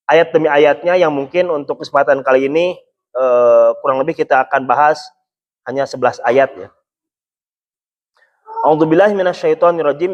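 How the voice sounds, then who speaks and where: A man's voice: fairly high pitch, highs cut off. Man teaching Quran study, "ya"-punctuated. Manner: explanatory, repeating "ya" to check understanding. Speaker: Islamic religious teacher.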